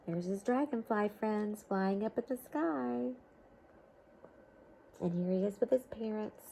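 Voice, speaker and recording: Her voice is mid-range, slow and mellow, with some vocal fry, and the rough recording carries a little hiss or hum. She reads a picture book expressively to young children, chatting in between with simple encouraging explanations and questions to check they understand.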